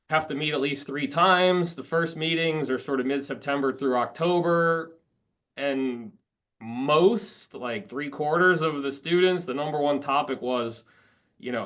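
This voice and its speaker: A man's voice: on the high side, a bit bright. A man who advises law students on careers, speaking on a panel and thinking aloud with frequent restarts. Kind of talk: panel discussion. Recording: slightly dull lo-fi audio.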